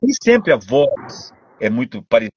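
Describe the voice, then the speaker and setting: An older man with a Brazilian Portuguese accent, a voice actor and dubbing director telling stories in a casual interview, animated and full of restarts. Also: mid-range voice, normal speed, highs cut off, a little hiss or hum. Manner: animated storytelling, many restarts.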